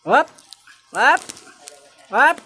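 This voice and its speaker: A woman's voice: sits high, animated, drawn-out words, bright, forceful tone, faint music behind. A young woman filming her pet at home, teasing it in playful baby talk and laughing often. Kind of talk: playful home video narration.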